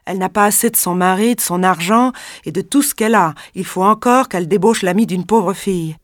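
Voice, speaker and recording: A woman reader voicing a massive, coarse young woman who shouts harsh, scornful accusations in a shrill voice. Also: a little fast, dry recording, studio quality, close to an everyday voice. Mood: furious.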